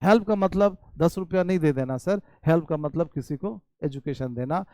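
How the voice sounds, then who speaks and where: A man teaching spoken English in Hindi with an Indian English accent, reading English sentences slowly and explaining them quickly. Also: fairly high pitch, dry recording. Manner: addresses viewers warmly as "bhai" and "babu".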